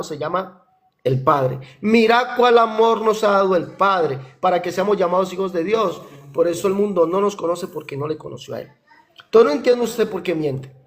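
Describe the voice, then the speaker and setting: A man in a heated religious debate who quotes scripture, repeats his points and accuses the other side. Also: sits high. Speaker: debater challenging a pastor.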